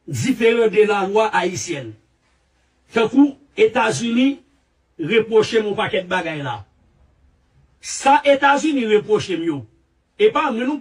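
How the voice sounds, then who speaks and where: A man with a Haitian Creole accent giving animated, repetitive, emphatic commentary. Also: high voice, distant mic. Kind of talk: casual commentary.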